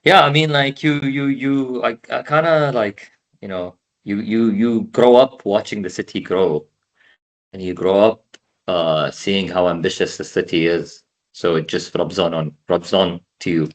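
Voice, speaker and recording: Appearing as a podcast guest on a video call, an Emirati man in his thirties talks in a very low voice. The conversation is casual, and he halts often, repeating words while gathering his thoughts.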